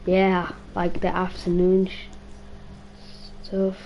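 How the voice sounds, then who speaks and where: On a low-pitched, completely flat and slow delivery, a young woman rambles through casual live-stream chat as she plays a game. She uses slang, swears, talks to herself and sounds strained and worn out, with lo-fi sound and slight background noise.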